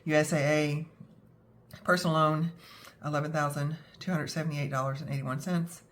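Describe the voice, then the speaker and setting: A young adult woman with a cold-scratchy throat, a budgeting vlogger, talks casually to camera in a self-deprecating way, full of fillers. Her voice is deep with little pitch movement, at normal speed.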